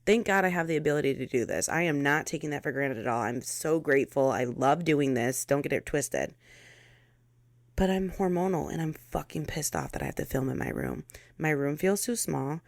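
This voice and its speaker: Solo podcaster, American woman, deep-pitched, blunt and foul-mouthed, recorded dry in a bedroom. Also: normal speed, no room sound. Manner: profane, blunt, venting. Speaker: podcast host. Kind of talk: casual solo podcast monologue. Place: her bedroom.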